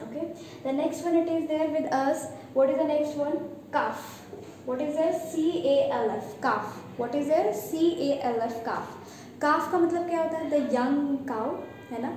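A woman with an Indian English accent teaches vocabulary in a high voice, very slowly and deliberately. She keeps asking questions, repeats each word and spells it out. The recording is strongly echoey, with faint noise underneath. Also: warm tone. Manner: quizzing, repeats words and spells them letter by letter. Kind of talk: bilingual vocabulary lesson.

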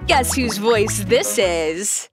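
A woman's voice: medium pitch, animated, drawn-out words, music in the background. A woman hosting a quiz with scripted narration. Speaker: quiz host.

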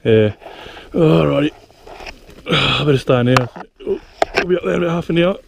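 A man's voice: fairly high pitch, normal speed, gravelly, a crowd in the background. A young man riding dirt bikes outdoors on muddy trails, chatting casually with lots of laughing and swearing. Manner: laughing, swearing, easygoing banter. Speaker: dirt bike rider filming the ride. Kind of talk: casual chat.

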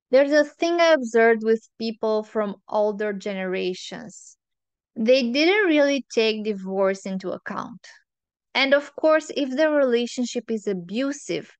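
A woman hosting a relationship advice monologue, earnest and opinionated, laying out her points in measured lists. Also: medium pitch, smooth, dry recording.

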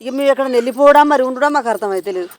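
Fast, nagging high-voiced woman scolding. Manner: nagging, repetitive, rapid scolding. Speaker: scolding mother-in-law in a prank skit. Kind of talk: scripted village family prank skit.

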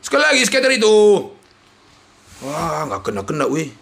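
A young man, giving loud, excited commentary on a slot game as he plays, swinging between yells and mutters. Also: a little high, normal speed, gravelly. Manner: loud, shouting and exclaiming, jumpy swings between yelling and muttering.

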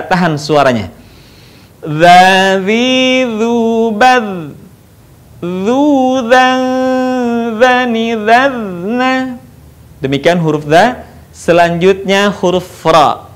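A man teaching Quran letter pronunciation, explaining slowly and chanting syllable drills in a higher sing-song tone. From Indonesia. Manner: measured explanations broken by high sung syllable drills. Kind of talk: slow phonetics lesson with chanted drills.

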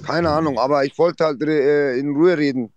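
A man's voice: fairly high pitch, steady tone, normal speed, lo-fi sound, a crowd in the background. A man chatting casually as a livestreamer and addressing his viewers. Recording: faintly noisy livestream audio with clicks.

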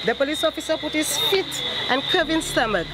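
A woman's voice: sits high, animated, brisk. A woman giving eyewitness testimony in an interview, recounting events in an urgent, repetitive way. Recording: loud outdoor background noise.

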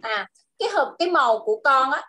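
Woman, Vietnamese accent, English tutor, high voice, slow drawn-out model phrases, video call. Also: very animated, pushed and bright, slight background noise. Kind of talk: online English lesson for a child.

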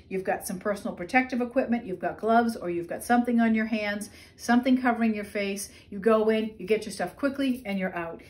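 A woman's voice: medium pitch, a little mellow. A woman in her fifties, a nurse, giving a practical step-by-step demonstration in her home kitchen, recorded on a phone camera up close. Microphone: phone camera at close range.

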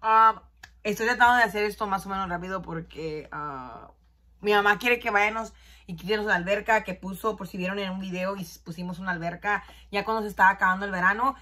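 A woman's voice: medium pitch, a little fast, bright, forceful tone. A woman, chatting casually and switching between Spanish and English as she films a beauty vlog. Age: 20s. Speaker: beauty vlogger. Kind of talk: casual get-ready-with-me chat. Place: small bedroom indoors.

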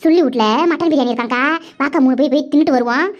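Woman doing a squeaky gossiping village woman. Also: very fast, dull audio, lightly acted. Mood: coaxing. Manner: chattering, scolding gossip.

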